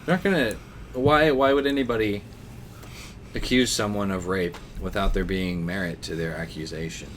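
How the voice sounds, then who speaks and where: A man co-hosting a satirical podcast, talking earnestly with frequent fillers and halting starts. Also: lowish voice, slight background noise. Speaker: podcast co-host.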